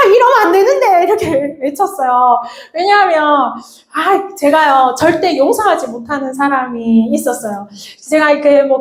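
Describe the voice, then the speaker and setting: A woman giving a chatty, confessional church class message and laughing at herself. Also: sits high. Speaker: church teacher. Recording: echoey room.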